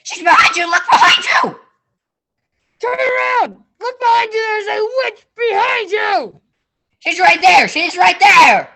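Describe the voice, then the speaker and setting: An exasperated audience member, acted by a woman, yelling warnings in panto crowd callback style. The high voice pleads urgently with the characters, as in a comic stage play. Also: animated, measured pace, exaggerated voice. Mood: frantic, exasperated.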